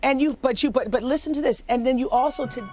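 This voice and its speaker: A woman's voice: high voice, quick pace, music in the background. A woman commenting on a TV news panel in an earnest way, repeating words as she builds her argument.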